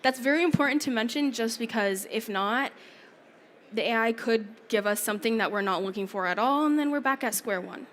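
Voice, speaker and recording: A woman's voice: fairly high pitch, a little fast, a bit bright. A woman presenting a live conference talk on exam study, chatty and apologetic, who is losing her voice. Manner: chatty, laughs often, apologetic asides. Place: conference theater stage.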